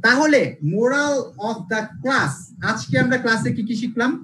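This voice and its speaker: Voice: mid-range voice, fairly even intonation, a little slow, a little hiss or hum, low-quality recording. A teacher giving a live online English pronunciation class with a Bengali accent. The teacher repeats points often and keeps checking that students follow along. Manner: repetitive, checks understanding with "alright?". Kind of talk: live online class, code-switching lecture.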